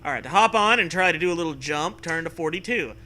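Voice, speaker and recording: Reading a humorous story aloud, this fast-talking man with a fairly high voice performs the characters' dialogue lively and throws in casual swearing as he banters.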